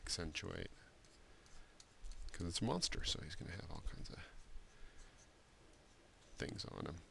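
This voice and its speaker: A man giving a screen-recorded software drawing tutorial, talking loosely with many fillers and restarts. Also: low voice, animated, a little slow, gravelly, slight background noise. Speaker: art instructor.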